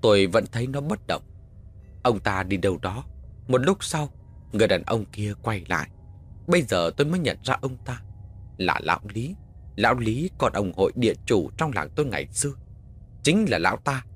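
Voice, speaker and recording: A man narrating a first-person horror story with dramatic, expressive delivery. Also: fairly low pitch, moderate pace, slightly rough.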